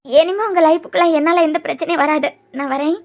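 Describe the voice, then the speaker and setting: A woman's voice: very high-pitched, fairly even intonation, fast. A woman voicing a remorseful, lonely young woman in a cartoon, with a Kanyakumari Tamil accent and a pleading, confessional way of talking.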